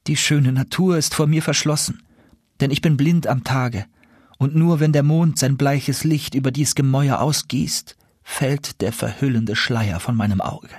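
A man voicing an enchanted princess turned into an owl, speaking in a plaintive, soft, husky voice. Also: mid-range voice, a little slow, no echo, studio quality, voice pushed up, lightly acted. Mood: sorrowful.

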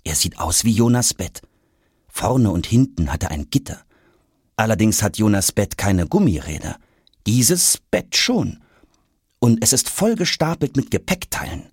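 A man narrating a children's audiobook in a lively, expressive way. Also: lowish voice, unhurried, husky, dry recording, clean studio sound.

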